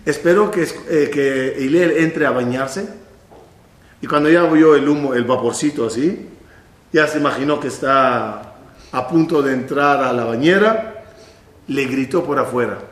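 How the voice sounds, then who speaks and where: A man's voice: mid-range voice, unhurried, echoey room. A man giving a Torah lesson in a storytelling way, acting out the people in his stories. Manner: animated, acts out voices in stories. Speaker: rabbi teaching.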